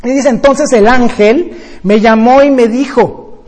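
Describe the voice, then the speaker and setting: An older man, a grandfather, teaching a Bible study sermon in a lively storytelling way, often ending with tag questions. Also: very high-pitched, unhurried, big-room sound.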